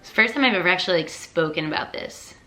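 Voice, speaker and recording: A woman's voice: fairly low pitch, animated, fast talker, pushed and bright. A woman in her twenties from Long Island telling a personal story to camera, emotional and rambling with lots of "like". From Long Island, New York. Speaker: vlogger. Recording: echoey room with faint music.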